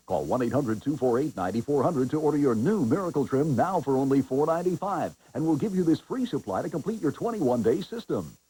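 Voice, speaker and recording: A male commercial announcer delivers an urgent hard-sell ad. His voice is soft-edged and warm in tone, yet swings widely as he stresses the pitch to the buyer. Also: slight background noise, poor audio. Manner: urgent, emphatic sales pitch.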